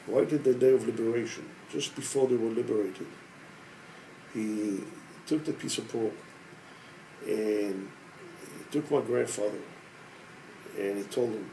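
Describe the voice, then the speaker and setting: Man, 60s, from Israel, organization head, dark tone, measured and hesitant, personal testimony. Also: on the low side, a little hiss or hum, rough recording. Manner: measured, hesitant with frequent pauses.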